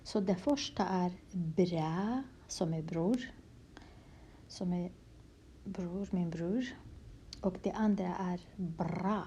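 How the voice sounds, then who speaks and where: Woman, letter lesson, slow patient repeats, half-whispered, mellow voice, faint hiss. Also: lowish voice, lo-fi sound. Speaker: language teacher. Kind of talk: handwriting lesson in Kurdish letters, explained in Swedish.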